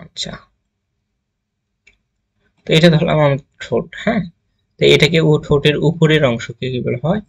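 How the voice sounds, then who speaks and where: A man's voice: fairly high pitch, lively intonation, normal speed, vocal fry, long pauses, slightly rough. A man teaching a grammar lesson, asking the class questions, answering them himself and sounding out letters one at a time. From Bangladesh.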